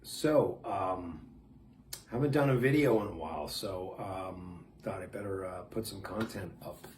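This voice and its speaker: Man, very low voice, middle-aged, casual chat to camera, lots of ums, faint hiss behind. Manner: halting, with many ums and uhs, drops to a hush at times. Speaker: former band member hosting his video series. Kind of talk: casual talk to camera about an album.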